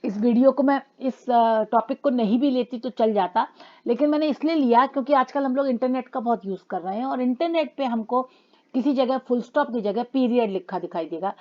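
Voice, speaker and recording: Hindi-speaking woman teacher with a lo-fi sound. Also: on the high side. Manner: addresses students as children, reads English lines slowly. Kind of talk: classroom lesson explaining grammar.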